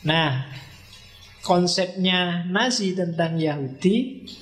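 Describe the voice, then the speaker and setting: A man's voice: high-pitched, slow pace, a bit bright. A man giving a casual philosophy lecture to an audience, speaking conversationally with jokey asides. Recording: echoey hall.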